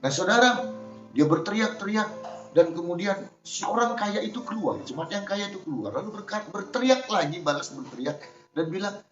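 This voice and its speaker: A male pastor delivers a Sunday sermon emphatically, in a fairly high voice. He often turns to speak straight to his listeners. The sound is roomy and slightly muffled, with faint music underneath. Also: lively intonation, moderate pace. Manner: emphatic, addresses the congregation directly.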